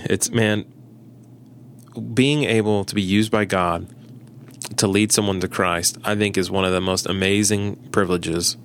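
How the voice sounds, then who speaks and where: A man's voice: low voice, a little hiss or hum. A man, a pastor, talking casually on a podcast and animatedly telling stories, acting out the people he quotes. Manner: animated storytelling, acts out quoted dialogue.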